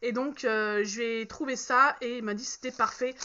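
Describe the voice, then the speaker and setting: A woman in her thirties, a vlogger, casually shows her shopping haul in a slightly high, pushed, bright voice with a steady tone and normal speed. She's hesitant, full of fillers and self-corrections, and the slightly dull recording carries faint background noise.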